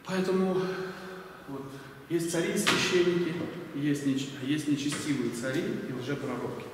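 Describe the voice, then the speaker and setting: In a bright church hall with large windows, a forties-aged man preaches a sermon at a lectern, loose and conversational with many fillers, asking the audience questions. His voice sits a little high with a steady tone at a moderate pace, and there's background noise. A stand mic at the lectern is used, but he's filmed from a distance, giving an echoey, far-off sound.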